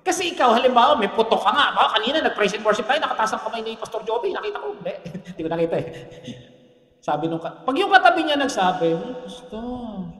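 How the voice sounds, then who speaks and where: A man's voice: extremely high pitch, sing-song, fast talker, a bit bright. A man with a Filipino accent preaching a sermon as pastor, joking and teasing the congregation. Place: church hall. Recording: echoey church hall, long reverb.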